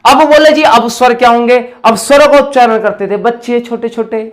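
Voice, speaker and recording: A Hindi teacher gives a classroom lecture on grammar in an extremely high, fairly quick voice. His style is chatty and rustic, and he asks questions only to answer them himself.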